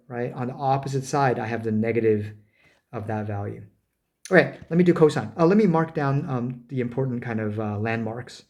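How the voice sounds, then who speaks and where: Man, math lecturer, mid-pitched voice, casual board-side explaining, fillers, self-corrections. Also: darkish tone. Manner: talks while drawing, frequent fillers and self-corrections; rhetorical "right?" checks with students.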